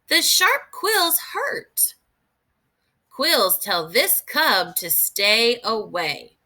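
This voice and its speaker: Pitched in the middle range, a woman reads aloud like a teacher for young kids, expressive and instructive, stopping to reason through questions.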